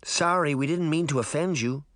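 A man's voice: a little high, normal speed, a bit bright, dry recording, studio quality, pitched above the performer's own voice, natural voice. A man voicing a sweet, polite little girl who speaks earnestly.

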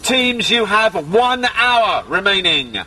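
Very high, slow male announcer. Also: animated, bright, forceful tone, rough recording. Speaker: timekeeping announcer. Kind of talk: loud formal announcement.

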